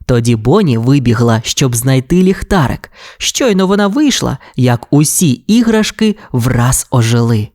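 A woman narrating a children's audiobook tale in an expressive, animated way. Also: a bass voice, a little slow, few pauses.

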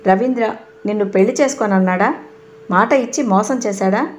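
A woman's voice: medium pitch, moderate pace, a little hiss or hum, natural voice. A woman narrator voicing a stern, sarcastic young husband who fires accusing questions.

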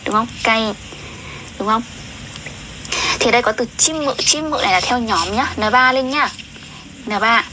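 A young woman tutoring Japanese on a livestream, chatty and often asking viewers questions, reading sentences slowly. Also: on the high side, noisy background. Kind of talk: casual livestream lesson.

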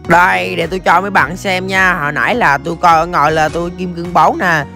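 Game streamer, very quick talker, excitable exclamations, faint music behind. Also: medium pitch, gravelly. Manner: excitable, rapid-fire exclamations to viewers. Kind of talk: live gameplay commentary.

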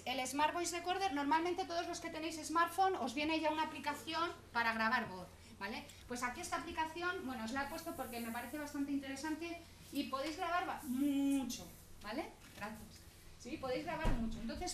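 Speaking a little fast in a high, fairly bright voice, this conference presenter keeps her talk chatty and teasing while repeatedly engaging the crowd. The recording comes from an echoey conference hall with a faint hum behind her.

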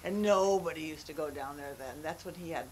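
A woman who is a psychic medium guest, telling stories in an animated casual chat. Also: low voice, a little fast, low-quality recording.

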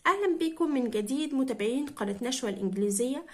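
A woman with an Egyptian Arabic accent teaches English words to children in a fairly high voice. She repeats each word slowly and clearly, as in a vocabulary drill. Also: expressive, a little mellow.

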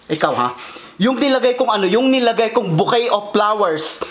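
A man's voice: sits high, expressive, normal speed, echoey room, a little hiss or hum, voice pushed up. A man voicing a greedy, hot-tempered woman who owns a care facility and barks scornful orders at her staff.

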